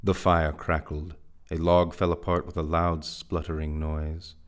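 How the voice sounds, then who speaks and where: A man's voice: rumbling low, flat delivery, a little slow. A man narrating a dramatic reading of a novel in a vivid storyteller manner. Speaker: reader.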